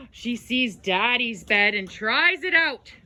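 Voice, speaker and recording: A woman's voice: a little high, very animated, slow, bright, forceful tone. A woman narrating a children's storybook tale aloud, with dramatic exclamations and gasps.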